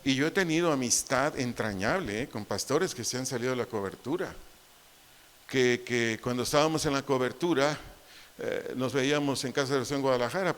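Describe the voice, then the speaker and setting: A man's voice: a little high, a bit bright. A man with a Mexican Spanish accent preaching a sermon as a pastor, firing off rhetorical questions and acting out little scenes in quoted voices. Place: church hall, long reverb. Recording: hall reverb.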